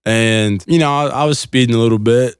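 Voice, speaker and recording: In a clean, echo-free studio recording, a young man tells funny podcast stories, rambling informally with plenty of slang and quoting what people said. His medium-pitched voice is clear and resonant, and he talks fairly quickly.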